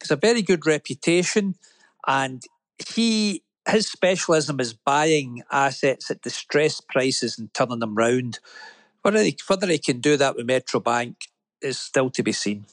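A man's voice: mid-range voice, animated, a little slow, dry recording. A man co-hosting a business talk radio show, telling stories in an earnest, admiring way. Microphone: studio microphone.

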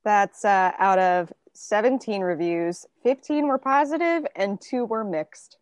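A woman's voice: mid-range voice, measured pace, no echo. A woman co-hosting a podcast, teasing the host and adding review numbers with a wry edge. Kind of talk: casual chat.

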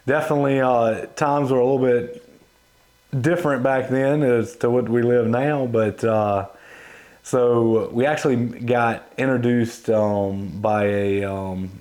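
A man's voice: lowish voice, darkish tone. A man chatting as a guest on a casual podcast, easygoing and full of ums and uhs. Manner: easygoing, many fillers.

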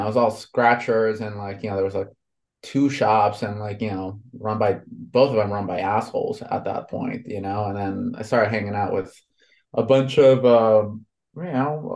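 A man's voice: on the low side, fairly even intonation, normal speed, darkish tone. A man in his thirties from Honduras, a tattoo artist chatting casually and rambling with lots of fillers. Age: 30s. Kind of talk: casual conversation.

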